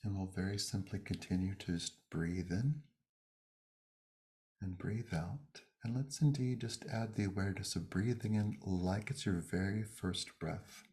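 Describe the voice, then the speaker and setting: Speaking in a deep voice, a man guides a meditation and prayer with short, gentle, unhurried phrases separated by pauses.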